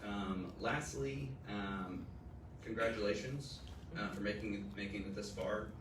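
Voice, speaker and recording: A man's voice: on the low side, a little slow. A man giving a short ceremony speech, hesitant with many ums. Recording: roomy, distant mic, noisy.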